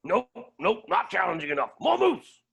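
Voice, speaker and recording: A man's voice: sits high, huge pitch swings, normal speed, gravelly, fairly bright tone, slightly rough, heavily acted. A man playing a scheming, gleeful villainous billionaire with theatrical, posh exclamations in a tabletop game. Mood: gloating.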